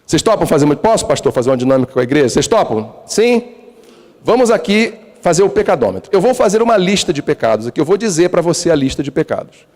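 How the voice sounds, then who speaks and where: A man's voice: a little high, big pitch swings, fast talker, a little mellow. A man with a Brazilian Portuguese accent preaching a dramatic sermon as a guest preacher, drawing the congregation into call and response. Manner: dramatic, mocks hypocrites in put-on voices, asks the crowd questions. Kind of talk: lively sermon with audience participation. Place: large church sanctuary. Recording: long hall reverb of a church.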